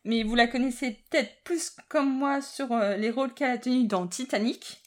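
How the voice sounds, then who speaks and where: Higher-voiced woman hosting, quick to laugh. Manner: stumbling, self-correcting, laughs often. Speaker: podcast host. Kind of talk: casual podcast chat.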